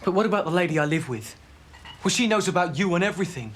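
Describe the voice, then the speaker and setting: A man's voice: sits high, lively intonation, quick pace. An actor playing a cornered young London man in a TV drama, anxious and protesting. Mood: anxious pleading.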